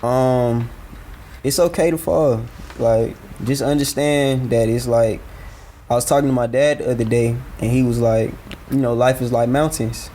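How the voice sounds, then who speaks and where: A man of twenty, a fashion brand founder, talking as a guest in a relaxed, slangy podcast chat full of fillers. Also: mid-range voice, moderate pace, a little hiss or hum. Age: 20s. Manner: laid-back slang, many fillers.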